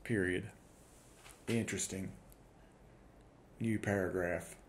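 A middle-aged man with an Appalachian accent, talking casually and deliberately as he demonstrates software. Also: sits low, fairly even intonation, slight background noise. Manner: deliberate, spelling out punctuation while dictating. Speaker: software reviewer. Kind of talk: dictation test with casual commentary. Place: room at home, indoors.

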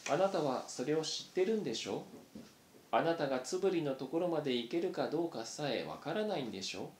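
A man's voice: on the high side, expressive, fairly quick, a little mellow, slight background noise, natural voice. A man reading aloud, voicing a young female mouse who pleads earnestly, recorded in a roomy space. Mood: pleading. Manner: pleading, emotional. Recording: roomy echo.

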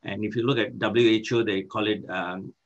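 Older guy lecturing on a zoom call from his office, lowish voice, lots of uhs, kinda muffled audio. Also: steady tone. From Malaysia. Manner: halting, many fillers and restarts. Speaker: guest speaker, professor of occupational therapy. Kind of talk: online lecture. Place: office with shelves. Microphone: laptop microphone on a video call.

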